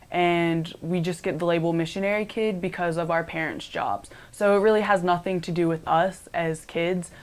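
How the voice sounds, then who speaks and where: A young woman from Cambodia, now a college student, giving casual interview answers with lots of "like" and "um". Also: on the low side. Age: young adult. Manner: chatty, many "like" and "um" fillers.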